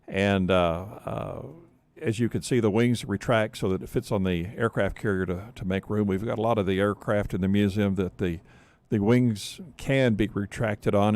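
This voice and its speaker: A man speaking as a museum guest on a radio show, rambling with frequent pauses. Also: on the low side, fairly even intonation, darkish tone. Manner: rambling, many fillers and restarts. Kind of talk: casual talk radio chat.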